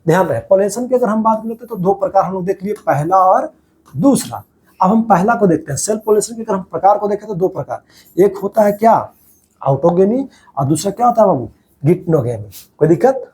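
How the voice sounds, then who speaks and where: Mellow-voiced man teaching biology. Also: high-pitched, lively intonation, fairly quick. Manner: repeats key terms as questions to students, calls them babu. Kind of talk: classroom lecture over diagrams.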